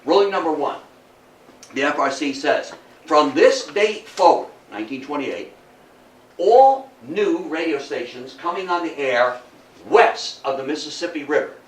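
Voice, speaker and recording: An older history lecturer tells stories in a public lecture before an audience in a roomy indoor talk room. His slightly high voice is animated and theatrical, stressing points with dramatic pauses and rhetorical questions. The recording sounds roomy, with a distant mic and faint noise.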